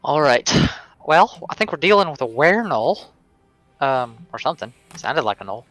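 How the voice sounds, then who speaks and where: A man playing a tabletop game, describing his spell in a casual, halting way. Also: a little high, very animated, a bit bright, no echo, faint music behind. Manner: casual, hesitant with fillers. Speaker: player. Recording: dull, muffled mic.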